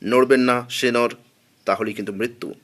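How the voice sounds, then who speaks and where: A man voicing a soft-spoken, oddly polite robber, low and hushed. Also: steady tone, normal speed, natural voice. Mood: menacing.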